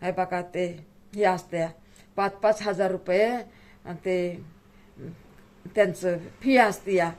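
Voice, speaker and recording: A woman's voice: lowish voice, fairly even intonation, takes it slowly, pauses often, darkish tone. Tearful middle-aged woman pleading. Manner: pleading and tearful, rural Marathi speech. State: close to tears. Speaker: vlogger. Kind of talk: emotional personal vlog talk.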